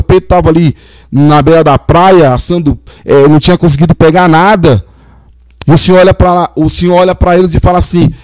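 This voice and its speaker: A man's voice: high-pitched, a little mellow, dry recording. A male pastor from Brazil preaching a sermon, telling Bible stories and acting out the figures' lines. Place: church.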